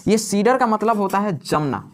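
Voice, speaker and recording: A man's voice: sits high, lively intonation, moderate pace. A man teaching a live class, who keeps asking questions and answering them himself while repeating the key words. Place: classroom with students.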